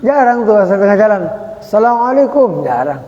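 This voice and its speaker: A man over forty giving an informal religious study talk, chatty and joking, acting out greetings slowly. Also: fairly high pitch, dark tone. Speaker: religious teacher. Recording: dull echoey hall.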